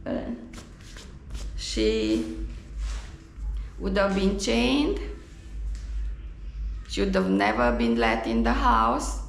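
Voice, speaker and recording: A Romanian woman with a Romanian accent tells a personal story haltingly and reflectively, her voice fairly high, sing-song and creaky. It was recorded on a GoPro camera in a roomy space, with echo and faint background noise.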